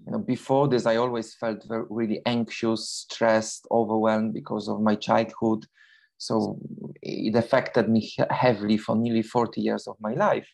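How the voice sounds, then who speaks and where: A man's voice: fairly low pitch, little pitch movement, moderate pace, vocal fry, darkish tone. A man in his forties from Poland with a Polish accent, a guest in an interview who talks casually with many fillers and restarts. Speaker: guest, long-distance runner.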